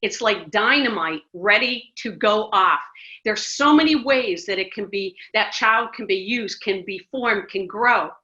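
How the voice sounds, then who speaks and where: A medium-pitched voice with a bright, forceful tone moves at a measured pace. It belongs to a middle-aged American ministry director, an emphatic interview guest who restarts often during the casual conversation, heard through muffled, lo-fi sound.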